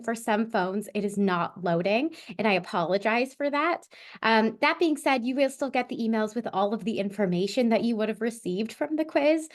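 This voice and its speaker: A young woman hosts a podcast and gives a spiritual guidance reading in a relaxed, chatty way. Her speech is full of fillers and small laughs. She often drops into a soft, hushed voice while she describes what she sees. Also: medium pitch. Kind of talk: casual podcast chat and intuitive reading.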